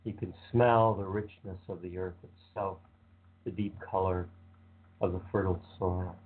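A man leading a guided visualization meditation with slow, calm, soothing instructions. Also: low voice, husky. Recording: tinny phone-like sound.

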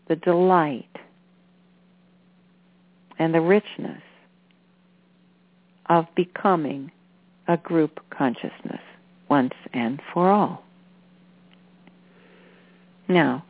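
Woman spiritual channeler, low register, soothing and deliberate, heard through a narrow phone-like recording. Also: no echo. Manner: unhurried, deliberate, with halting phrases. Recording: phone-like narrow-band sound.

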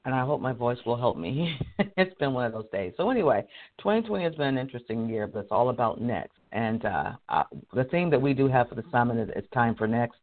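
A hoarse man hosting a casual live career show, chatty and laughing often as he restarts his sentences. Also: medium pitch, lively intonation, fast, phone-quality sound. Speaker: career coach and show host. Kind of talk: casual live-stream talk.

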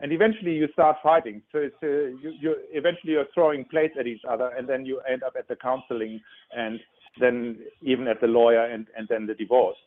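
A German-accented man in his sixties, a relationship expert, explains his ideas in an interview, earnest and often restarting his words. His mid-range voice holds a steady tone at a slightly fast pace. The recording sounds narrow, like a phone, with slight background noise.

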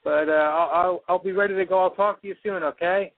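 A man's voice: sits high, steady tone, fairly quick, dry recording. A man calling in to a radio show, answering briefly and casually, heard over the broadcast through a phone line. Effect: heard over a radio broadcast via phone line. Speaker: caller.

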